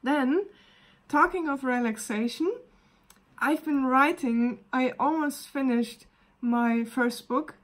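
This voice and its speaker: A woman with a German accent, a wellness coach gently talking through a casual live video demonstration and often pausing to search for words. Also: high-pitched.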